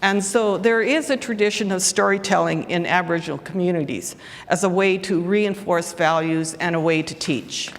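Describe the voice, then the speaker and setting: A woman's voice: on the low side, moderate pace. A woman giving a conference talk, hesitant and full of fillers. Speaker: conference presenter. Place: conference hall. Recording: reverberant conference hall.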